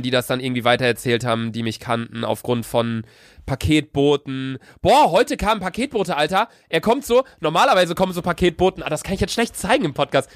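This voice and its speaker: A man's voice: a little high, dry recording, clean studio sound. A young man co-hosting a podcast in casual chat, slangy, laughing often and acting out people he met. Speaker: podcast co-host.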